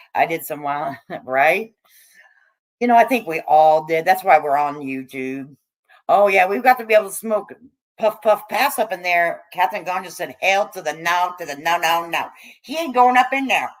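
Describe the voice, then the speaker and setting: A casual livestream host, middle-aged or older and American, raised among hippies, reads viewer chat and answers in a salty, slangy, irreverent, joking way. Her voice is on the slightly low side, with lively intonation and a normal speed.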